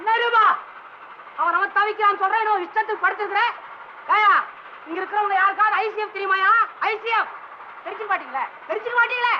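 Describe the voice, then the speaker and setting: A man's voice: extremely high pitch, quick pace. An actor playing a pompous, ticketless young man on a train who mocks and scolds the other passengers and mixes in English, in 1960s film comedy style, on a dull old soundtrack with hiss. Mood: scolding.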